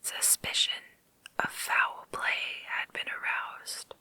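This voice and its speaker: A woman whispers a story in a creepy ASMR style, breathy and unvoiced. Her delivery is extremely slow and deliberate, with crisp, sharp sibilance, very close and dry on the mic. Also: no room sound. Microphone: close microphone.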